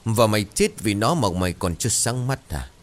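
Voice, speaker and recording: A man's voice: on the low side, sing-song, brisk. A man voicing a frenzied village mob. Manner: shouting, frenzied. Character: frenzied superstitious villagers demanding a sacrifice.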